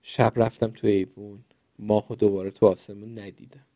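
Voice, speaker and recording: A man reading children's stories aloud in a gentle, expressive way. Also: on the low side, no room sound, studio quality. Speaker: storyteller.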